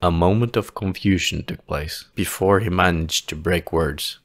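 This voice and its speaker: A deep-voiced man narrates a fantasy audio play, telling the story in a theatrical, solemn way with deliberate, dramatic phrasing.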